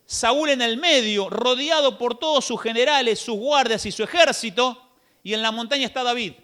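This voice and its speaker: A man with an Argentine accent preaching a sermon in a church, telling the story in an animated way with rhetorical questions. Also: extremely high pitch, normal speed. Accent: Rioplatense Argentine Spanish.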